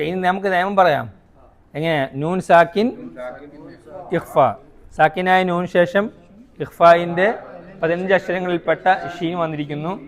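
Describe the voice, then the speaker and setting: A high-pitched man leads a recitation class. He asks his students questions, then answers them himself. He sounds out each rule slowly and repeats it. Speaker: Quran recitation teacher. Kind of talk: classroom tajweed lesson.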